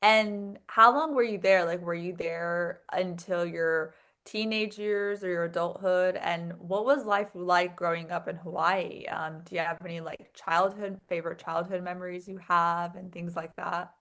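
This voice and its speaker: A woman's voice: on the low side, fairly even intonation, a little slow, hardly any pauses, a bit bright. A young woman hosting a casual podcast interview. She is chatty and filler-heavy, with plenty of "like" and "um." She piles several questions into one turn. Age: young adult. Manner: chatty, lots of likes and ums, asks stacked questions. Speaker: podcast host.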